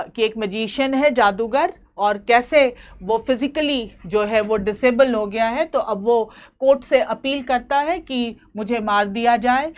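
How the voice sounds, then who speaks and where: A woman teaching a vocabulary lesson, slowly repeating each word before explaining it. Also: fairly high pitch. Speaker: English teacher.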